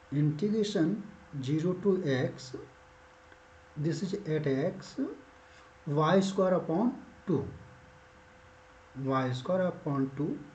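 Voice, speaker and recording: A man teaching a maths lesson step by step, dictating notation symbol by symbol in short, halting phrases. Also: on the high side, darkish tone, slight background noise. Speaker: mathematics teacher. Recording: echoey room, dull muffled sound.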